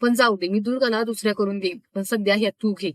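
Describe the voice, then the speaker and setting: A woman voicing a confused, fragile older mother who speaks in a halting, tender way. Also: mid-range voice, steady tone, dry recording, close to an everyday voice.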